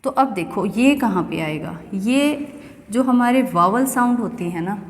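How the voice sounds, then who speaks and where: In a room with a long, echoing reverb, an Indian woman gives an English pronunciation class, walking the student through each step and asking frequent questions. Her mid-range voice has a lively intonation and moves a little slowly.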